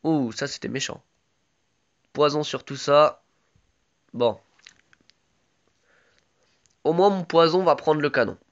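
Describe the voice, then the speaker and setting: A man's voice: a little high, takes it slowly, pauses often, dull audio. A man with a sore throat giving casual live commentary on his own game, chatty and full of gamer slang.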